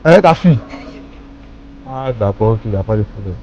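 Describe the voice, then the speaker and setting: A man's voice: fairly low pitch, lively intonation, brisk, mellow, lo-fi sound, a little hiss or hum. A man with an Ivorian accent, filming himself outdoors at night on a phone, speaking in a coaxing, repetitive way with many tag questions. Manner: coaxing, repetitive, full of "hein". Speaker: man filming a street act of charity.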